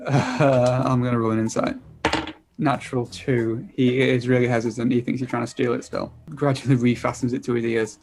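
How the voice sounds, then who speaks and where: A man's voice: medium pitch, little pitch movement, moderate pace, gravelly, noisy background. A man narrating as game master of a tabletop game in a laid-back way, with frequent chuckles.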